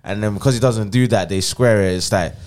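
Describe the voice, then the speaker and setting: Low-voiced grumbling young London roadman. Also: brisk, darkish tone. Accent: London, urban street slang style (roadman). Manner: repetitive, slangy, grumbling. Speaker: podcast co-host. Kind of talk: casual football chat.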